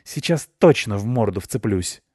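A man's voice: on the low side, normal speed, no room sound, studio quality, close to an everyday voice. A man voicing a hot-tempered ginger tomcat who hisses and grumbles in indignation. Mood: grumbling, indignant. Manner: hissing, indignant.

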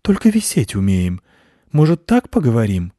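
A man voicing a nervous male bat who leads a colony, squeaking and fussing in a storybook reading. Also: huge pitch swings, moderate pace, dark tone, no room sound, clean studio sound. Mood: pleading. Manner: high, squeaking, fussy and flustered.

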